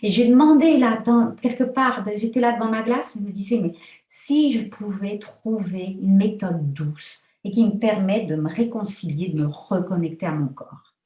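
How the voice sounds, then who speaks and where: A woman's voice: mid-range voice, normal speed, warm tone, reverberant. A woman in her sixties, a therapist, tells her story with feeling over a video call, full of hesitations. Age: 60s. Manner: emotional, storytelling, many fillers. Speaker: therapist guest.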